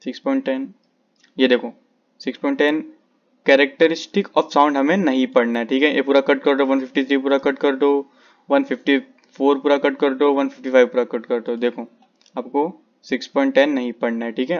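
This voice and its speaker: A man teaches physics, going through the syllabus with his students page by page. His voice stays flat and steady, and he repeats his instructions many times. The recording sounds slightly dull and lo-fi. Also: mid-range voice, moderate pace. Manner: repetitive, instructive, page-by-page directions. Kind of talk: syllabus walkthrough lesson.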